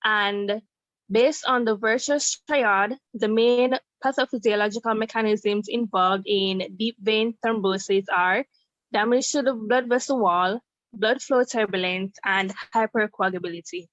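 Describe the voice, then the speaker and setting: A woman's voice: mid-range voice, measured pace, fairly bright tone, no room sound. A woman in her twenties reads out a prepared quiz answer steadily. The sound is dull and dry, with no room around her voice. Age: 20s. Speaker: quiz contestant.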